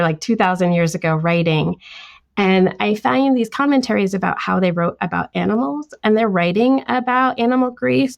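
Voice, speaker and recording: An author whose first language is Tamil appears as a podcast interview guest, speaking reflectively. She's thoughtful and lively, reads passages aloud, and has a medium-pitched, creaky voice.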